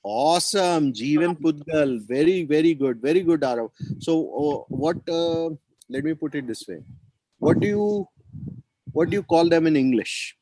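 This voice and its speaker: A man's voice: a little high, moderate pace, warm tone, no room sound, rough recording. A man teaching children over a video call, encouraging them and repeating his praise and questions. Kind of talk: online children's class.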